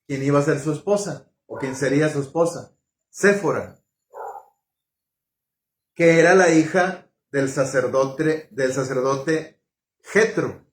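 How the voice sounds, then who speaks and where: Male preacher, sermon delivery, slightly high voice, halting, roomy echo. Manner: unhurried, halting, with fillers and self-corrections.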